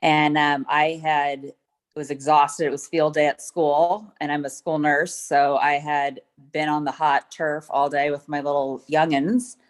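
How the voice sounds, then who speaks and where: A woman's voice: deep voice, flat delivery, measured pace. A middle-aged woman giving courtroom testimony, hesitant and full of ums as she retells events step by step. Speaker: witness.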